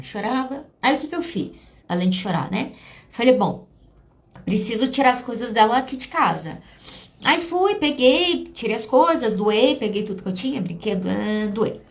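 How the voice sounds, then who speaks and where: Brazilian woman psychologist telling a story. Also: sits high. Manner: warm storytelling, voice catching with emotion at times. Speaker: psychologist host. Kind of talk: emotional personal talk to an audience.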